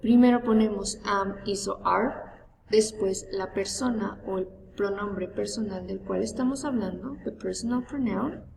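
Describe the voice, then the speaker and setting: A woman teacher giving a bilingual grammar lesson, slow and deliberate, spelling out each example. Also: medium pitch, creaky, darkish tone, slight background noise. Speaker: English teacher. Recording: echoey room heard from far off.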